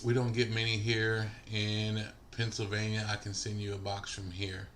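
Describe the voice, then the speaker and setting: A man's voice: fairly low pitch, monotone, moderate pace, fairly bright tone, a little hiss or hum. A man in his forties hosting a casual livestream, chatting with viewers and answering their comments by name. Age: 40s. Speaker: livestream host.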